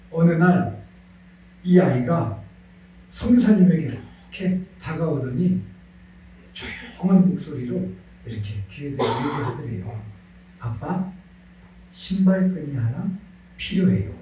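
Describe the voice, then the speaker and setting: Animated high-voiced male pastor, echoey hall. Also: a little slow, muffled recording, slight background noise. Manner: animated storytelling preacher, leads congregation in call-and-response. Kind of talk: sermon. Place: church sanctuary. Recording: echoey church hall, voice from a distance.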